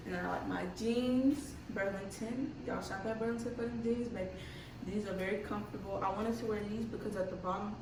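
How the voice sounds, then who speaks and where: A young woman chatting casually to viewers in sassy, playful slang, speaking with retainers in her mouth. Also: mid-range voice. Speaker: vlogger. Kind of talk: casual get-ready-with-me chat to viewers. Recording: echoey room, distant mic, background noise.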